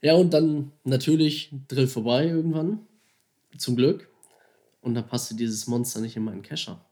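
A man casually and excitedly retelling how he caught a huge fish, slangy and animated, acting out his own thoughts and phone calls. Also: medium pitch, moderate pace. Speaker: angler telling a fishing story. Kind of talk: casual storytelling.

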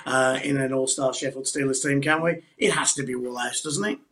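A man co-hosting a sports podcast, leading the talk and telling lively anecdotes. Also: mid-range voice, a little fast. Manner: animated anecdote teller, leads the discussion. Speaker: podcast co-host. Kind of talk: casual sports chat.

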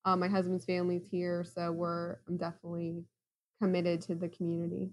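A woman, talking as a podcast guest. Her voice sits a little low. She is chatty and friendly, with easy fillers and frequent laughs. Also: completely flat delivery, brisk. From Ohio, USA. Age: 30s. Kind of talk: casual interview chat.

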